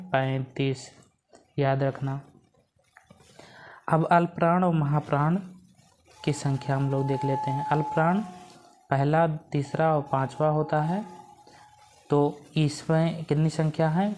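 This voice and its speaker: A woman's voice: low-pitched, warm tone. A woman teacher giving an exam-prep grammar lesson, asking questions and answering them herself and repeating key points to memorize.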